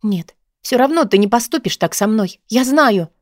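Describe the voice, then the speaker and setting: A woman's voice: a little high, animated, moderate pace, dry recording, studio quality, natural voice. A woman doing a desperate, lovesick young girl. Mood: desperate, pleading. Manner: emotional, pleading, raised voice.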